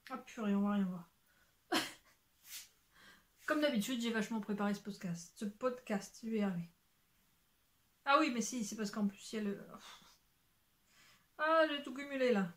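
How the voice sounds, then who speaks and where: Chatty young woman, fairly high voice. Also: a bit bright. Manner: rambling, chatty, many fillers and self-corrections; occasional swearing, then apologizing. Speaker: knitting podcaster. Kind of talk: casual chat showing knitting to camera. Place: at home in front of shelves.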